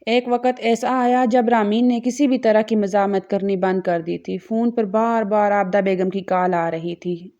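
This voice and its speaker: A woman narrates a romance novel in a steady, even storytelling read. Her voice sits at a middle pitch. The recording is dull and lo-fi. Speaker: audiobook narrator.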